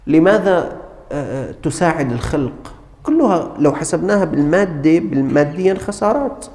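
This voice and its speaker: A man's voice: a little high, expressive, fairly quick, a little mellow. A man preaching a sermon, speaking earnestly to the congregation as his brothers and telling stories to make his point. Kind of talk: sermon with storytelling. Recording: long hall reverb.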